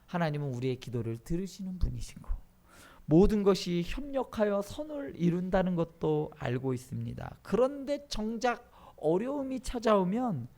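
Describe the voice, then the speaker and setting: A man's voice: sits high, sing-song, moderate pace, creaky, dark tone. A male pastor preaching a sermon. He poses dramatic questions and acts out quoted dialogue.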